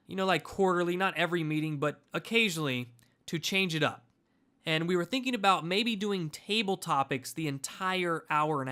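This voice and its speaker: A man's voice: fairly high pitch, sharp tone. A man hosting his own public speaking channel, talking to camera in a chatty, playful, upbeat way. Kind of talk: casual direct-to-camera talk.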